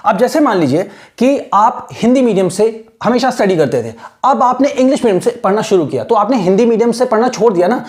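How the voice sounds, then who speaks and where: A man teaching an English lesson in mixed Hindi and English, asking rhetorical questions and repeating words slowly to show how they are pronounced. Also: high-pitched, lively intonation, darkish tone. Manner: asks rhetorical questions and answers them.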